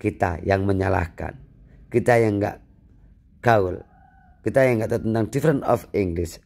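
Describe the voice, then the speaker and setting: Animated man teaching English. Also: fairly low pitch, moderate pace, gravelly. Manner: animated, asks and answers his own questions; repeats key phrases for emphasis. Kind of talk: free online English lesson.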